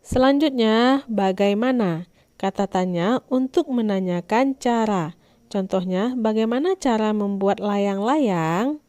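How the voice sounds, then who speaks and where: A woman teacher, giving a scripted lesson to young children in a clear, instructive way. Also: medium pitch, slow pace, darkish tone, no room sound.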